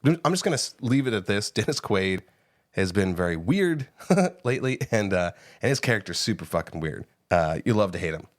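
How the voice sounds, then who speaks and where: Low-voiced man chatting about movies. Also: brisk, no echo, clean studio sound. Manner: animated, swearing, laughing often. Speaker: podcast co-host. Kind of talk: casual movie review chat. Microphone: close studio mic.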